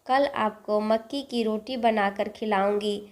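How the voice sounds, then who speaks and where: A woman voicing an innocent, caring young granddaughter who coaxes softly in a storybook reading. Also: mid-range voice, steady tone, measured pace, natural voice. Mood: coaxing, caring.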